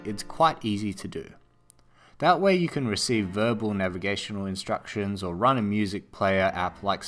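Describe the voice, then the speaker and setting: A man with an Australian accent narrating a scripted voice-over for a build tutorial, in a steady, explanatory way. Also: on the low side. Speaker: tech video narrator.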